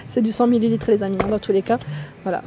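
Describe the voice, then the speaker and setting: A woman's voice: mid-range voice, steady tone, fast talker. A woman with a French accent chatting casually as she walks a shop aisle, reading out labels and prices and asking viewers questions. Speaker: shopping haul vlogger. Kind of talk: casual store walkthrough. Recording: music playing behind.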